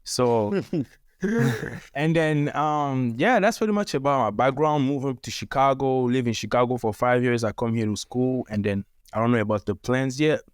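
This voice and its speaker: A man's voice: medium pitch, moderate pace, smooth, no echo, studio quality. A young man from Cameroon, a guest on a podcast, talking casually and hesitantly with many fillers. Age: young adult.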